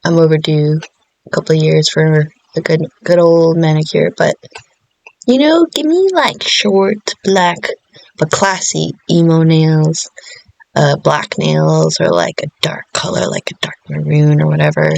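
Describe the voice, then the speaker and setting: Gravelly-voiced woman rambling casually. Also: low-pitched, measured pace, a little mellow, no echo, poor audio. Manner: meandering, many fillers and self-interruptions, laughs often. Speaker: vlogger.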